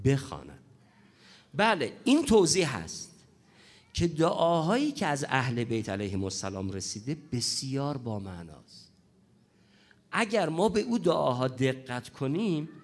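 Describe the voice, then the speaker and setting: A man preaching a religious lecture on prayer, hoarse from a cold, emphatic and repeating his key points. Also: fairly high pitch.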